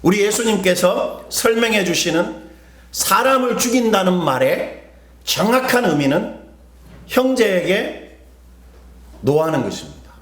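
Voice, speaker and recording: A middle-aged man gives a sermon in a relaxed, talking style, asking his listeners questions and telling stories from his own life. His voice sits fairly high and moves up and down a great deal. The room carries a clear echo. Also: unhurried, long pauses. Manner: conversational preaching, asks the congregation questions, tells personal stories. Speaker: pastor. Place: church hall. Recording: echoey room.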